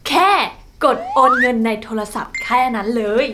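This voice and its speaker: A woman's voice: fairly high pitch, moderate pace, background noise. A woman hosting a playful pronunciation lesson, chatty and teasing, often laughing. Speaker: host. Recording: music playing underneath.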